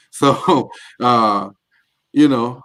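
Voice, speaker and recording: A man co-hosting a relaxed talk show, upbeat and playful with the guests and listeners. His pitch is ordinary and middle-range. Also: drawn-out words. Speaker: co-host. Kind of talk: casual podcast chat.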